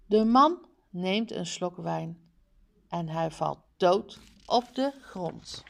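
Woman, reading aloud, word drills, very slow, deliberate. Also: lowish voice, expressive, vocal fry, fairly bright tone. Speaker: reader.

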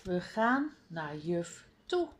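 A woman's voice: fairly low pitch, very animated, very slow, slight background noise, exaggerated voice. A woman reading as an eager young schoolgirl. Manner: eager, take-charge. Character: bossy young schoolgirl with a plan.

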